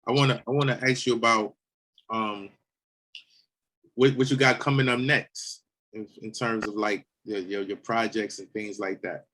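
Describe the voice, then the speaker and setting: A young man hosting a casual interview, talking in a relaxed way with many restarts and repeated words. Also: fairly low pitch, moderate pace. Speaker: host.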